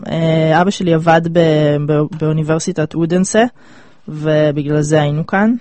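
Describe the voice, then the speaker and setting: A woman in her twenties with an Israeli accent, chatting casually and pausing mid-sentence as she thinks. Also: sits low, steady tone, a little mellow, dry recording. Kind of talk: casual chat.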